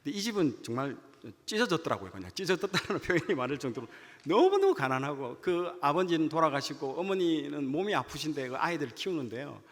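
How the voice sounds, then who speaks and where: A man, a junior pastor, preaching a sermon and telling a personal story in an animated way, acting out the dialogue. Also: on the high side, fast. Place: church sanctuary. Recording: church hall reverb.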